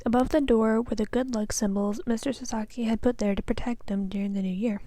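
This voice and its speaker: Soft-voiced young woman reading a storybook. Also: a little high, steady tone, a little fast, dry recording. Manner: careful, soft reading with small slips. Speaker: student reader. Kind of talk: reading a children's novel aloud.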